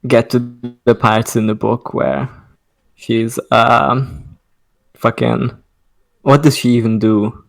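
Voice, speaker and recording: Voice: slow, gravelly, pauses often, faint music behind. A podcast co-host chatting casually and cracking jokes. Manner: joking, lively swings in pitch. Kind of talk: casual chat.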